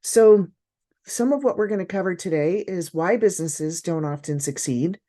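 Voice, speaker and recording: A woman's voice: on the low side, normal speed, mellow. Upbeat woman hosting an online workshop. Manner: upbeat, encouraging, frequent praise. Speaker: business coach and workshop host. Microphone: video call.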